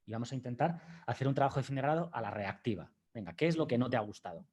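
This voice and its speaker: A man's voice: mid-range voice, lively intonation, rapid-fire, a little mellow, slightly rough. A man giving a university lecture, reflective and acting out his talks with a student as he tells the story. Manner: reflective, acts out dialogue with a student.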